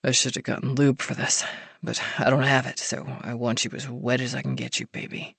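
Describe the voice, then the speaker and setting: A woman narrator voicing an intense, commanding young man in a low, husky, half-whispered murmur with gritted-out commands. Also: measured pace, dry recording, full character voice.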